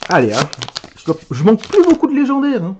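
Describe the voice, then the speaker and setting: A man chatting casually as he opens card packs for his video, letting out excited exclamations over each card. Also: sits high, fast, muffled recording, background noise. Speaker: card game video creator. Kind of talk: casual card pack opening commentary.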